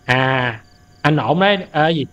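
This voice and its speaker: A young man doing let's-play commentary on a horror game, easily startled into loud outbursts and translating the game's English lines aloud as he goes. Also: medium pitch, lively intonation, unhurried, highs cut off. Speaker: gaming streamer.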